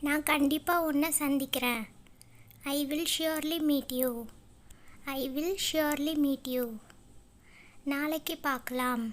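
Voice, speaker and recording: A woman with a Tamil accent giving a language lesson, saying each sentence and then repeating it slowly and clearly. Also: high-pitched, fairly even intonation. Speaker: English teacher.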